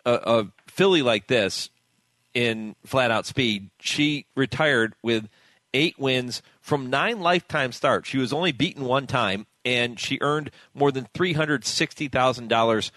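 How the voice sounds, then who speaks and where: A man hosting a radio interview, steady and informative. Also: mid-range voice, a little slow, no room sound.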